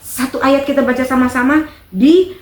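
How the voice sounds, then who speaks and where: A woman teaching a children's church service in an animated, playful way, acting out quotes. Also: sits high, moderate pace. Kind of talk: children's sermon. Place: church hall. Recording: echoey room.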